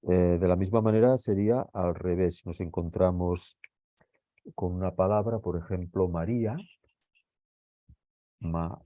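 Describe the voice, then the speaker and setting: A man's voice: sits low, fairly even intonation, moderate pace, dry recording. A male teacher from Spain giving a grammar lesson, explaining patiently step by step and often checking in with his listeners. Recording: dull lo-fi recording.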